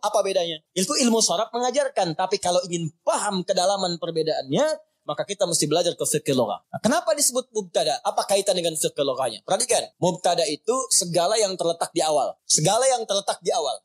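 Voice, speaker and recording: A man. He asks his class questions and answers them himself. He recites Arabic phrases slowly between his explanations. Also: high-pitched. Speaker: teacher of Arabic and Quran reading. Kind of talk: classroom lesson on Arabic grammar.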